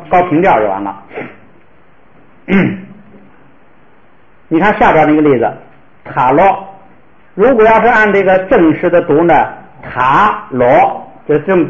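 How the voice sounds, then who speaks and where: Lively male teacher in an echoey classroom. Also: a little high. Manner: patient, explains step by step with many fillers. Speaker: language teacher. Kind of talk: classroom lecture. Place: classroom with students. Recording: roomy, dull lo-fi classroom recording.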